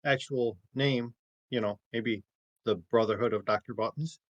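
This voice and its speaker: A man running a tabletop game, chatting hesitantly and clearing his throat. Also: medium pitch, steady tone, moderate pace, no room sound, muffled recording. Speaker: game master. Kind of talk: casual tabletop chat.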